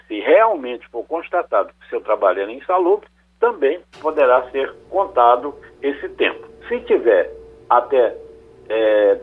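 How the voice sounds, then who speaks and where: A lawyer, answering callers' questions on a radio call-in show in a measured, explanatory way. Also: male voice, mid-range voice, husky. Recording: phone-like radio line.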